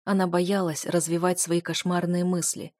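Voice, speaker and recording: A woman narrating an audiobook in a measured, even reading voice. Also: fairly low pitch, no room sound, clean studio sound. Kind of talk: scripted narration.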